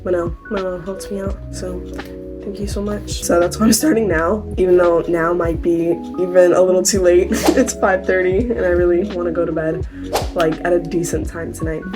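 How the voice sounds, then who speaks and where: A woman's voice: lowish voice, flat delivery, moderate pace, music in the background. A teenage girl chatting casually to her viewers in a home vlog, giggly and tired, with a sore throat. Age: teens. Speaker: vlogger.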